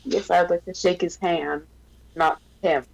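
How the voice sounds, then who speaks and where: Player firing off quick game moves. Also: mid-range voice, steady tone, vocal fry, poor audio. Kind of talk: tabletop game play.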